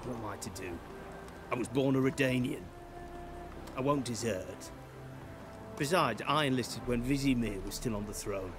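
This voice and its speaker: A man's voice: mid-range voice, moderate pace, pauses often, over music, lightly acted. An actor playing a world-weary middle-aged male soldier in a video game, speaking plainly. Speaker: guard.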